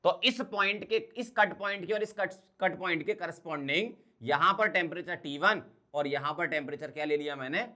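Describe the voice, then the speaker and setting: A man's voice: sits high, pushed and bright. A man teaching a chemistry class, who keeps putting questions to the students and answering them himself, mixing in English technical terms. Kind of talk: blackboard lecture.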